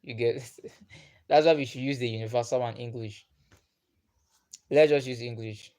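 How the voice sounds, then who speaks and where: A livestream host, a man whose first language is Igbo, chats casually and reads out viewer comments. His mid-range voice is warm, with fairly even intonation at a normal speed. He is patient, repeats himself, and chuckles often.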